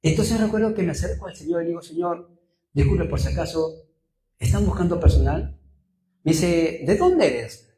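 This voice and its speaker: This sermon comes from a Peruvian man preaching as a pastor in a Peruvian Spanish accent, weaving in personal stories, repeated phrases for emphasis, and rhetorical questions. His voice is a little high, animated, and warm at a moderate pace, though the audio is poor and reverberant.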